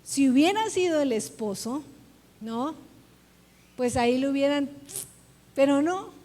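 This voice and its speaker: A woman's voice: high voice, animated, a little slow, mellow. A woman pastor preaching a sermon in a church, speaking earnestly and putting questions straight to her congregation. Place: church sanctuary. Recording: long church-hall reverb.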